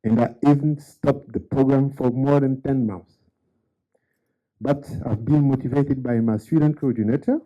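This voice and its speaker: Measured male graduate from Congo, filler-heavy, muffled ceremony audio. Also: medium pitch, fairly even intonation. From Democratic Republic of Congo. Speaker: graduate giving a testimonial. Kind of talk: unscripted ceremony speech.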